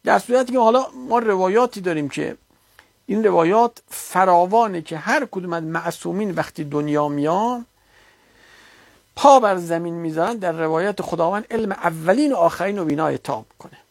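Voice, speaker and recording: A man's voice: high voice, no echo. Dry-sounding man giving an argumentative religious lecture. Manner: argumentative, rising to heated rebuttal.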